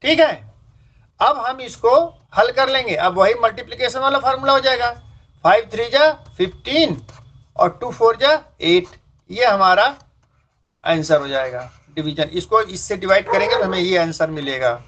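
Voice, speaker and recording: High-voiced male math teacher, lo-fi. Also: animated, normal speed, a bit bright. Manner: explains step by step, repeats points, mixes English terms. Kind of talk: classroom lecture at a board. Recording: dull lo-fi sound.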